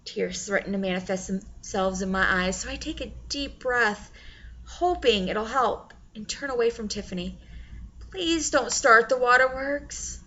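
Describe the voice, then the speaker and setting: A woman narrating an audiobook in the first person in a wry, expressive way. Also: mid-range voice, moderate pace, lo-fi sound, a little hiss or hum.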